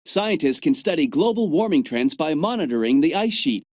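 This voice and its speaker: A man's voice: on the high side, very animated, normal speed, darkish tone, dry recording, clean studio sound. A man voicing an upbeat young field agent in a video game, chatty and fond of jokes about gadgets and the cold. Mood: eager. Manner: chatty, jokey, enthusiastic. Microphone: dry studio mic.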